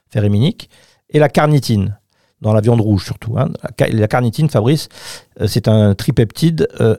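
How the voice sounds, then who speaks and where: A man's voice: mid-range voice, warm tone, dry recording. A man, a doctor, explaining health topics emphatically on a radio chat show into a studio mic. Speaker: doctor guest.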